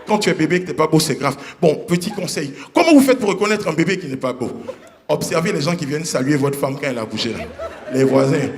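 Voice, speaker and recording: A man performing a stand-up comedy set on stage, animated and acting out characters with sudden high voices. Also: quick pace. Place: comedy stage before a live audience. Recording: roomy live stage sound with audience.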